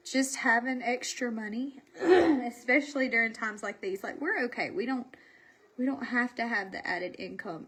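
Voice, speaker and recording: A woman's voice: on the high side, a bit bright, slightly rough. A woman with a Southern US accent and a stuffy, congested voice, chatting casually on a livestream in a folksy, self-deprecating way. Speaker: livestream host selling makeup. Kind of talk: casual livestream chat while doing makeup.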